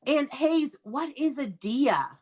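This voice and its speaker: An elementary school teacher reads aloud to young children over a video call, instructing them and prompting with questions and repetition. Her high, slightly mellow voice has lively intonation and an unhurried pace.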